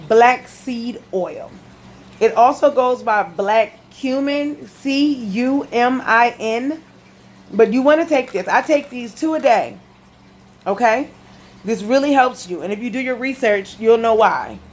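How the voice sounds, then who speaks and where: Speaking slowly in a slightly high voice, this lisping woman gives a health testimony in a home video. She chats casually and emphatically straight to the camera in her living room, going back over her key points for viewers.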